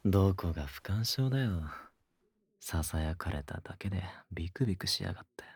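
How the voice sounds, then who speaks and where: A man doing a cocky, teasing young man, low husky whisper. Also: animated, fairly quick, no echo, full character voice. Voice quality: husky whisper close to the ear. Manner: taunting, smug, crude. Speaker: voice actor. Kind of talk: whispered ASMR audio drama.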